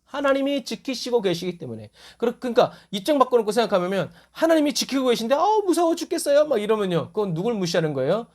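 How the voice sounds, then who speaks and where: A man's voice: very animated, fast talker, hardly any pauses. A man preaching a sermon as a pastor. He asks the congregation questions and answers them himself, and he acts out quoted lines with jumps in his voice. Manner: acts out quoted voices with sudden rises in pitch.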